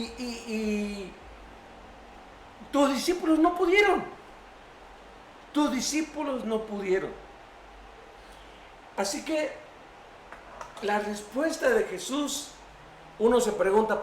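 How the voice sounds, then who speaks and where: A man's voice: high voice, slight background noise. A man preaching a sermon as pastor, retelling a story dramatically and acting out its voices. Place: church sanctuary. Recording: echoey church room, faint ambience.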